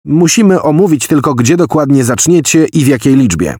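A man's voice: a little high, lively intonation, fairly quick, a little mellow, husky, dry recording, pitched above the performer's own voice. A man voicing an agitated American general who heads an intelligence office, given to long declamatory tirades. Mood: commanding. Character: blustering American general, spy chief.

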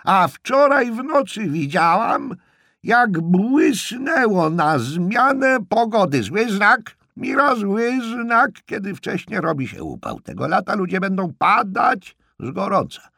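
A man voicing a deaf ninety-three-year-old woman who yells her weather predictions at the top of her lungs, in an audiobook reading. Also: high voice, big pitch swings, slow, creaky, no room sound, studio quality, pitched above the performer's own voice, heavily acted. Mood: shrieking. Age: 90s.

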